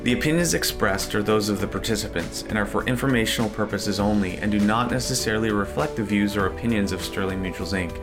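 A man's voice: on the low side, fast, hardly any pauses, over music. A Canadian man, a podcast host, reading a scripted legal disclaimer straight through in a formal way. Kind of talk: scripted sign-off and disclaimer read.

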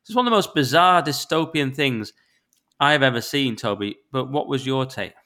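Bright-voiced sarcastic man. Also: medium pitch, expressive. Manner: sarcastic, quick and mocking. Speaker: podcast co-host. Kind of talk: casual political chat.

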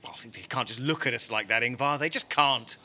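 In an audio drama, a male actor plays a fanatical Norwegian fascist prison guard who is indignant, aggrieved and emphatic. His medium-pitched voice is sharp and a little fast, with a cold, defensive mood.

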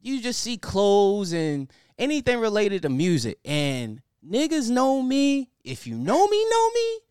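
A young man hosting a podcast in an excited, loose style, swearing freely and leaning on fillers. His voice sits a little high and sounds smooth and crisp. The recording is dry and close. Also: a little slow, dry recording. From Baltimore County, Maryland. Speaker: podcast host. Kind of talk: casual podcast chat.

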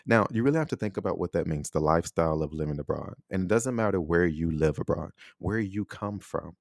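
A man's voice: low voice, animated, fairly quick, creaky, dry recording, clean studio sound. An American man hosting a solo podcast, talking reflectively and conversationally and often checking in with a rhetorical "right?". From United States. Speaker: podcast host.

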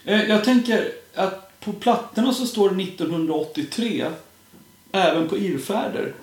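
Male interviewer, high voice in an echoey room, friendly and encouraging. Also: animated. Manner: friendly, affirming with short acknowledgements. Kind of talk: casual interview. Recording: roomy echo.

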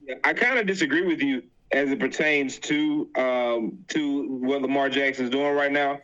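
A man co-hosting a casual sports debate podcast, quick and argumentative as he lays out his view. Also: mid-range voice, fairly even intonation, a bit bright, dull audio. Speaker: podcast co-host.

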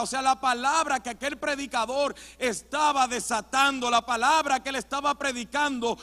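A man with a strikingly high voice preaches a sermon that mixes in personal testimony, emphatic and moving between loud and hushed delivery. His voice carries a long reverb from the church sanctuary, as if heard across a big hall. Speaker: pastor.

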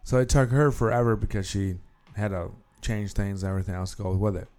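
A man's voice: lowish voice, fairly even intonation, fairly quick, darkish tone. An American man hosting an amateur podcast in a casual, conversational style. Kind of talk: casual chat.

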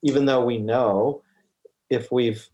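A man's voice: medium pitch, steady tone, slow, mellow. A man, a real estate agent, speaking as a guest in a casual interview, earnest and often repeating words as he works through his explanation.

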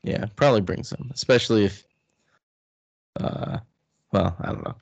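A man's voice: on the low side, moderate pace, gravelly, highs cut off. A man chatting casually on a podcast in a hesitant, noncommittal way. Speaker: podcast co-host. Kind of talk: casual chat.

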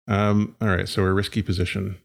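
A man with a very deep, gravelly voice runs a tabletop role-playing game. He narrates in a halting, thinking-aloud way, full of fillers. His tone stays casual and friendly with the players. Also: little pitch movement. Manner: halting, with frequent fillers and laughs. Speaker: game master.

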